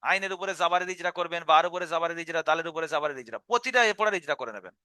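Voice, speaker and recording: Male teacher on a live stream, patient instructor, smooth clear tone, dry close mic. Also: a little high, racing, sharp tone, no echo. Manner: patient, step-by-step explaining, repeats syllables aloud. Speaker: Quran reading teacher. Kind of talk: live online class instruction.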